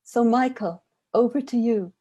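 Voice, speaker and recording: An older woman poet on a panel, speaking in a thoughtful, measured way. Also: a little high, dark tone. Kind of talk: reflective panel talk.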